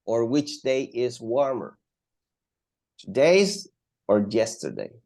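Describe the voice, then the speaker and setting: A man's voice: medium pitch, very animated, extremely slow, vocal fry, a little mellow. A man teaching English comparatives in an online class, switching between languages and patiently repeating words for his students.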